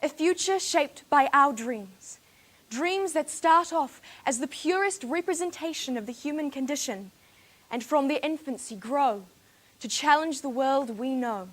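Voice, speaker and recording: This contestant is a teenage New Zealand woman with a New Zealand accent, giving a formal competition speech. Her high, animated voice moves at a measured pace, with dramatic rhetorical stress.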